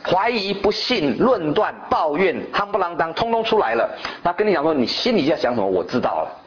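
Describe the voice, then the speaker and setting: A male preacher delivers a sermon in a fairly high voice that swoops up and down with lively energy. He keeps firing rhetorical questions at his listeners. The recording is dull and lo-fi. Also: a little fast. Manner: animated, quizzing the congregation with repeated rhetorical questions.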